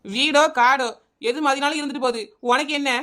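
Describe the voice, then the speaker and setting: A woman's voice: high-pitched, fairly even intonation, fast, sharp tone. A woman playing a cheeky, stubborn neighbour with a Kanyakumari Tamil accent, talking back mockingly. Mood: sassy. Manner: sassy backtalk, mocking.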